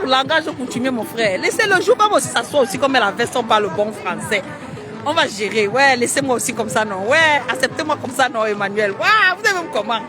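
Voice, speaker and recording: A man, live-streaming from a busy city square and greeting viewers by name in a chatty, teasing way. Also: very high voice. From Cameroon. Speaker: livestream host. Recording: street crowd and music behind.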